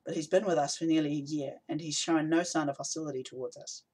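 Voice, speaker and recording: A man's voice: on the high side, steady tone, fast, darkish tone, breathy edge. Brief: man voicing an overworked woman rebel leader, curt, weary, firm, for an audiobook. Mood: brisk.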